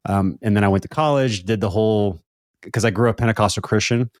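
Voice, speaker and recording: This podcast host is a man in his thirties from a Brazilian family background, with a lowish voice and a quick pace. He rambles casually through a conversational interview, repeating words and using fillers. The recording is dry with clean studio sound.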